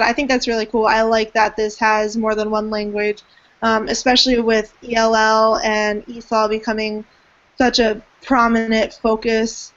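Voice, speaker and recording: Over a video call, an education student hosts a group hangout, a young woman with a slightly high voice guiding the online discussion. Her speech is halting and full of fillers, and the audio is muffled.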